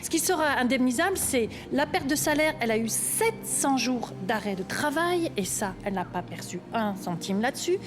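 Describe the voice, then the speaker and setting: A woman's voice: sits high, expressive, normal speed, few pauses, music in the background. A woman speaking as a lawyer on a panel, giving a formal, emphatic explanation.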